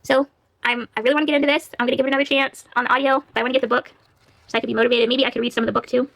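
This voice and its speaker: Fast-talking chatty woman book vlogger. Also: on the high side, flat delivery, creaky, a bit bright. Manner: chatty, laughs often, reads blurbs aloud. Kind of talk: casual library haul chat.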